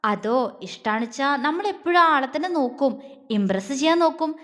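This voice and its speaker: A cheeky young wife voiced by a woman storyteller, pouting and coaxing as she chatters on. Her voice is bright and high, with a long reverb trailing behind it. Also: lively intonation, moderate pace. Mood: playful.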